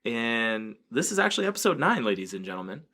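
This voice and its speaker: A man co-hosting a gaming podcast with a bright, clear voice. His pitch leaps around as he jokes and chats casually. He is animated and easygoing throughout. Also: quick pace. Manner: joking, laughs often, animated. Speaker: podcast co-host. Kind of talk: casual chat.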